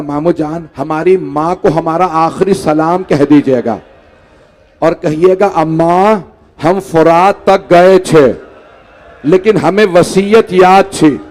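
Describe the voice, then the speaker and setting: Male preacher, high pitch, mourning sermon with pleading asides and rising lament. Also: darkish tone. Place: large hall.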